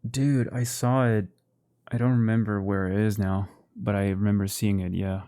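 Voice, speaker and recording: A man co-hosting a casual chat, relaxed and laughing often, saying bro and dude. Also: on the low side, moderate pace. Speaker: podcast co-host. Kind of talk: casual chat while browsing a map.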